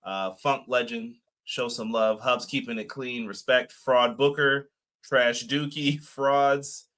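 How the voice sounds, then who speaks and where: This co-host of a live wrestling podcast speaks slowly in a mid-range, fairly bright voice with a steady tone. Relaxed and chatty on the live stream, he reads out comments from the chat and laughs a lot.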